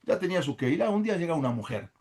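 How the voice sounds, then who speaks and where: A man tells a story in a religious class, animated and dotted with "eh" fillers. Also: on the high side, rapid-fire. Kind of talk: storytelling lecture.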